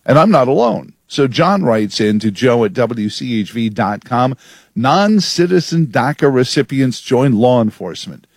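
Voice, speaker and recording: Brief: male radio host, mid-pitched, emphatic and sardonic, dry close studio sound. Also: big pitch swings, moderate pace, dry recording. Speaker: radio talk show host. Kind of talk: talk radio monologue.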